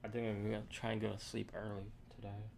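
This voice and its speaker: A young man casually thinking aloud and answering chat on a live coding stream, halting and rambling as he works. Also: lowish voice, monotone, gravelly, darkish tone, a little hiss or hum. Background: keyboard typing.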